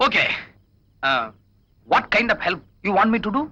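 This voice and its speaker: An actor playing a cheeky, wisecracking bank thief in 1990s film dialogue, joking and mixing in English. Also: male voice, sits high, sing-song, very slow, pushed and bright, dull audio, full character voice. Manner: joking, teasing, mixes in English.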